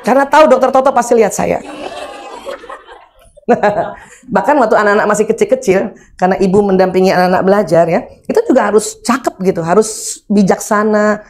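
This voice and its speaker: A middle-aged woman giving a religious lecture on parenting and marriage, animated and humorous, acting out everyday examples. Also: medium pitch, fairly quick, slight background noise.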